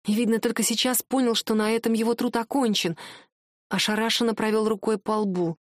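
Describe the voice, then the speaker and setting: A woman narrating a first-person audiobook with even, expressive storytelling. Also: fairly high pitch, brisk, dry recording, studio quality.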